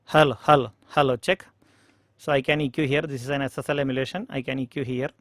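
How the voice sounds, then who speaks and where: A man with an Indian English accent walking through audio interface settings in a tutorial, pausing often for mic checks and fillers. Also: mid-range voice, flat delivery, no room sound, studio quality. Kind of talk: screen-recorded software tutorial. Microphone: studio microphone.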